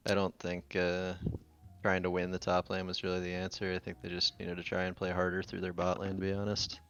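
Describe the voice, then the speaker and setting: A man's voice: low voice, monotone, fairly quick, a bit bright, faint music behind. A male player on the winning team answering interview questions in a matter-of-fact way. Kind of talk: casual post-match interview. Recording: dull lo-fi voice call audio.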